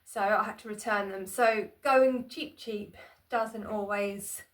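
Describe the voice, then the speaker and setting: A woman's voice: mid-range voice, fairly even intonation, takes it slowly. A woman chatting casually to her phone camera in a small room at home, rambling and self-deprecating, with plenty of "um"s and restarts. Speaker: vlogger. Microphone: phone camera on tripod.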